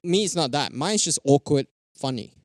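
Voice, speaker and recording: A man's voice: fairly high pitch, lively intonation, normal speed, dry recording, studio quality. A young man co-hosting a podcast in casual chat, laughing and self-deprecating. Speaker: podcast co-host.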